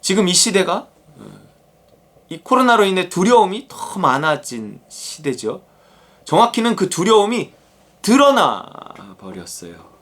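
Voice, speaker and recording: A male pastor giving a daily devotional sermon in a conversational, animated way. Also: high voice, unhurried. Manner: animated, conversational, acts out quotes.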